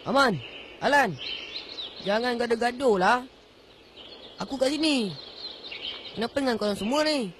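A woman's voice: on the high side, normal speed, pauses often, a little hiss or hum, lightly acted. A woman voicing a bewildered, remorseful lost village boy in a voice drama, pleading and talking to himself. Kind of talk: amateur voice drama. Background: music.

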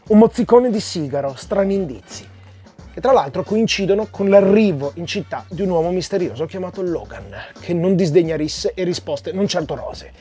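Background music accompanies a comic book reviewer in his forties as he chats directly to viewers in a small indoor room with comic-filled shelves. He has a mellow, slightly high voice.

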